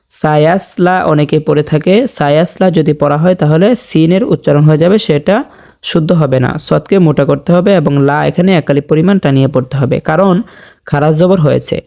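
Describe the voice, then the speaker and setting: Man, recitation teacher, slightly high voice, gravelly, slow patient lesson. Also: warm tone. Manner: explains rules plainly, then recites slowly and drawn out. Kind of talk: slow step-by-step tajweed lesson with recited examples.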